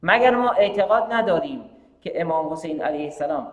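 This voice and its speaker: A man with a high voice delivers a sermon in a hall with a long, ringing reverb. He builds his points with rhetorical questions and repeated phrases. Now and then he switches between Persian and English. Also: lively intonation, dull audio. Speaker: preacher hosting a live-streamed majlis. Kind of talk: sermon with announcements.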